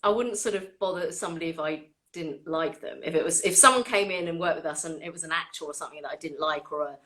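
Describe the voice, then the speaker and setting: A woman hosting a casual chat, animated and laughing often as she tells stories. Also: sits low, fast. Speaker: orchestra violinist and host.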